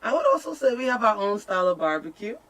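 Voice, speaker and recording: A woman in her thirties, born in Ghana and raised in the United States, chatting as a guest on a radio show in a bubbly, animated way with frequent laughs. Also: mid-range voice, fast talker. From born in Ghana, raised in the USA. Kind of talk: casual interview chat. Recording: distant mic, faint noise.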